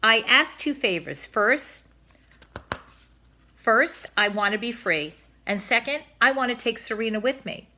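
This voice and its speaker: A woman's voice: fairly high pitch, animated, measured pace, pushed and bright, pitched above the performer's own voice, exaggerated voice. A woman reading Louis, a proud young trumpeter swan. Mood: earnest, pleading. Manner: plain-spoken, resolute.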